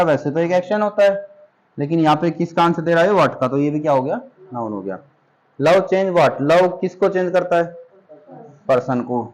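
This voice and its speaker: A man's voice: fairly high pitch, darkish tone, rough recording. A man teaching a classroom grammar lesson, patiently asking questions, repeating points and checking that his students follow. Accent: Hindi.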